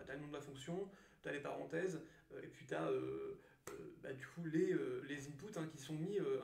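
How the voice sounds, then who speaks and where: Male tutor, tired, rambling and self-mocking, gravelly raised voice, echoey room, set back from the mic. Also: a little high, a little mellow, far from the mic, a little hiss or hum. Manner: rambling, self-mocking, many fillers and restarts. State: tired from little sleep. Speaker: programming tutor. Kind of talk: casual screen-recorded coding lesson.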